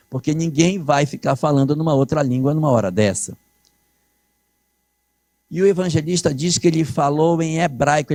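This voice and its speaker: A man's voice: mid-range voice, a little mellow, no echo. A man with a Brazilian accent giving a religious lecture, explaining patiently with rhetorical questions and acted quotations. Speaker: lecturer at a spiritist conference.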